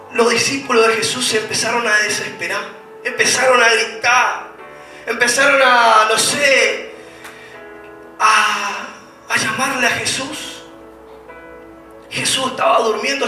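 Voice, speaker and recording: A man preaching a sermon as pastor, asking the congregation questions and rising to shouts. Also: very high voice. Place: church hall. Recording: very echoey church hall, mic at a distance, faint music.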